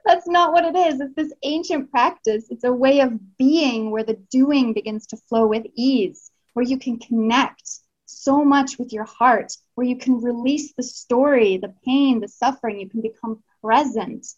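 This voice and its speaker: A woman from Canada, a guest in a casual podcast interview, talking earnestly and warmly with many fillers and restarts. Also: fairly high pitch, a little slow, hardly any pauses, highs cut off. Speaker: guest, Tantra teacher.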